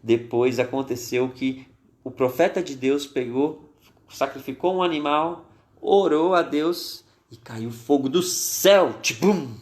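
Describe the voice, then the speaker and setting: A man telling a Bible story to children on a live stream, animated and acting out the characters. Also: mid-range voice, takes it slowly. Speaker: children's minister. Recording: echoey room.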